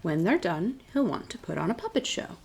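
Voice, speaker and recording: A woman reading aloud as a children's storytime host, deliberate and expressive in her delivery. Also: on the low side. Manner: clear, deliberate picture-book reading with expressive emphasis. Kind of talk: read-aloud storytime narration.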